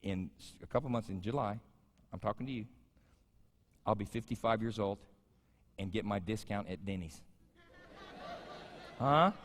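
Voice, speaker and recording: A man in his fifties delivering a sermon, chatting and joking with his congregation. His voice sits a little high and swoops animatedly up and down. The sound carries a long reverb from a large church sanctuary. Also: a bit bright. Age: 50s. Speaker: pastor.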